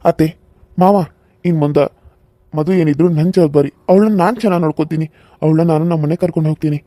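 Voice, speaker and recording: A man's voice: fairly high pitch, quick pace, no echo, close to an everyday voice. A man voicing a kind young husband in a cartoon serial, speaking earnestly. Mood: reassuring. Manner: earnest, gently persuasive.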